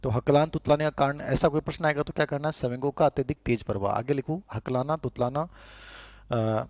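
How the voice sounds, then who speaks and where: In a dry recording, a middle-aged lecturer talks to his class in a conversational way, repeating key terms for students to note down. He has a mid-range, darkish voice and speaks a little fast.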